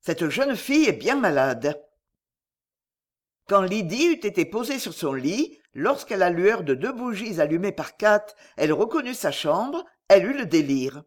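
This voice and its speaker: A woman reads a classic novel aloud as an audiobook narrator. Her delivery is steady yet expressive, with pitch that moves animatedly through each sentence. She sits in a middle register. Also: moderate pace, hardly any pauses.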